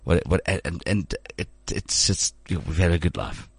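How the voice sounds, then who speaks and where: A deep, husky male voice, fairly quick, in a dry studio-quality recording. He's a show host in his thirties, chatting casually in the studio in an animated, rambling way with lots of stumbles and restarts.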